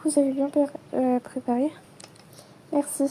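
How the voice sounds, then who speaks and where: A woman acting out a playful toy role-play, switching quickly between many characters in chatty everyday dialogue. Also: sits high, little pitch movement, warm tone, a little hiss or hum. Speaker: channel creator voicing every character.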